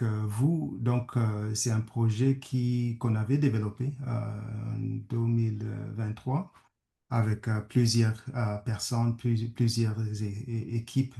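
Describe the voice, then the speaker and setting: This guest speaker is a gravelly-voiced French man from Kenya, English being his first language, who teaches conflict studies. With a mid-range, dark voice he gives a halting webinar talk full of fillers and restarts, heard over a video call in an echoey room.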